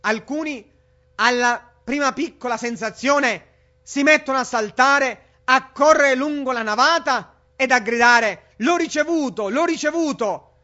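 A man's voice: extremely high pitch, measured pace, sharp tone, lo-fi sound. A man preaching a sermon to a congregation in an earnest, urgent preaching cadence.

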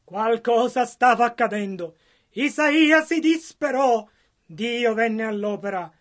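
A man's voice: extremely high pitch, lively intonation, slow pace, fairly bright tone. A man interpreting a sermon line by line, earnest and matching the preacher's fervor.

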